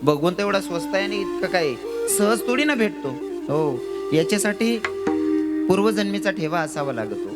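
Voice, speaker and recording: A man's voice: sits high, expressive, normal speed. A man preaching a devotional kirtan sermon, telling stories and putting questions to the audience. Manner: storytelling, rhetorical questions to the audience. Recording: music clearly behind.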